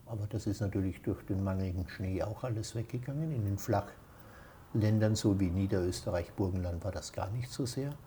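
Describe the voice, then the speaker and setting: Mellow-voiced Austrian man in his sixties. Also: on the low side, a little hiss or hum. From Austria, near Vienna. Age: 60s. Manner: explains at length, relaxed and matter-of-fact. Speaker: interview guest. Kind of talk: casual interview.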